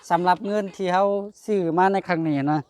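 A man's voice: sits high, fairly even intonation, fast talker, a little mellow, smooth. Lao man chatting as a charity vlogger. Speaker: charity vlogger presenting donated gifts. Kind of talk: casual chat to a family and viewers.

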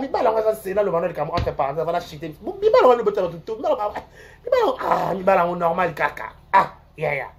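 A medium-pitched, creaky voice belongs to an online show host with a Congolese accent. The gossip commentary rambles, repeats words, and veers from loud bursts to quiet mutters.

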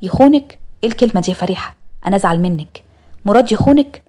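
A woman's voice: medium pitch, lively intonation, rapid-fire, warm tone, close to an everyday voice. A woman with an Egyptian accent voicing a proud, jealous middle-aged father who teases and scolds. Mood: teasing, scolding. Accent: Egyptian Arabic.

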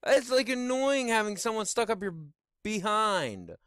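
A middle-aged man doing Let's Play commentary on a headset mic in a small home room, exclaiming and shouting as he plays. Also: high-pitched, a little slow, clean tone, no room sound, studio quality. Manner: excitable, exclaims and shouts while playing. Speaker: gaming YouTuber.

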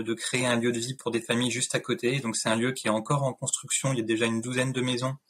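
A man in his thirties talks as a guest over a video call from a room at home. His voice is husky and middle-pitched, and he speaks in a thoughtful way, full of fillers and restarts. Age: 30s. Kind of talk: casual interview talk.

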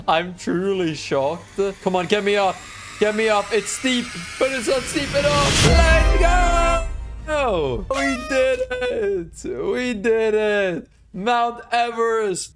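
High-voiced, jumpy young man gaming. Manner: excitable, panicky, yelps and shouts in alarm. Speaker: gaming channel host. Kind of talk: live gameplay commentary.

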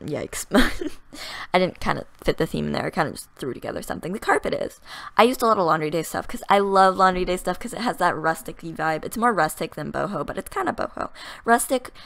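A young woman with a dry throat, chatting fast and excitedly over a game build, often laughing and restarting her thoughts. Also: lowish voice, gravelly, dry recording. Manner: fast, rambling, giggly, excitable. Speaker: gaming YouTuber narrating a speed build. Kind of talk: casual voice-over chat.

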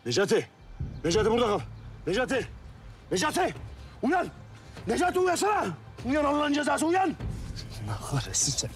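An actor playing a desperate man who begs a dying foe, then shouts in anguish. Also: high-pitched, huge pitch swings, fast, pauses often. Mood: frantic. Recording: tense TV drama music behind.

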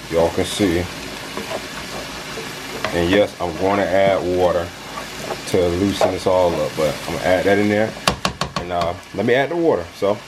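With a low voice at normal speed and long pauses, a young man cooking at home talks viewers through every step as a casual cooking vlogger. A handheld camera records him close and at arm's length, catching the frying, stirring and sizzle from the pan.

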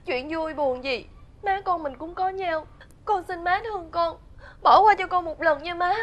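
Scheming jealous young wife, very high voice, begging and teary, faint music. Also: female voice, unhurried, a bit bright, dull audio. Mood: pleading. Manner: pleading, tearful.

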